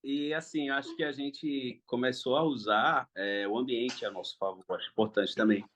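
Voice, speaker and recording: A man's voice: mid-range voice, steady tone, moderate pace, fairly bright tone, a little hiss or hum. A young man, a father, speaking in a casual interview in a hesitant, thoughtful way with frequent restarts.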